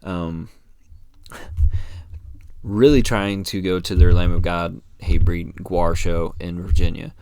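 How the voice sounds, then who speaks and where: A man from the United States talks on his own podcast in a low, relaxed voice. He wanders from thought to thought and fills the gaps with ums and likes. The recording is dry, with no room sound. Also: slow, pauses often, dry recording. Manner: rambling, relaxed, many fillers and restarts. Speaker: podcast host. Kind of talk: casual solo podcast chat.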